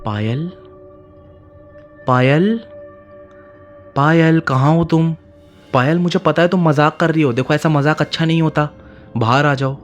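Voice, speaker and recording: A man voicing an anxious, caring young woman in a spoken horror story, pleading loudly. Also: fairly high pitch, fairly even intonation, brisk, few pauses, highs cut off, soft background music, lightly acted. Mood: worried.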